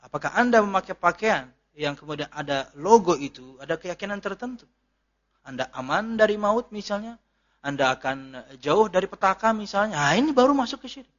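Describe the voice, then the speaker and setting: Bright-voiced jokey preacher. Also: male voice, high voice, lively intonation, a little fast. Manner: jokey, chatty, laughs at his own jokes. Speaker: ustadz, Islamic preacher. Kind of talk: casual religious lecture with Q&A. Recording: dull lo-fi lecture recording.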